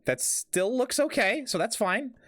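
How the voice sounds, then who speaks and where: A man's voice: extremely high pitch, expressive, a little slow, fairly bright tone, dry recording, studio quality. A man streaming a game with casual, playful commentary, muttering asides and chatting to viewers. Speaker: gaming streamer.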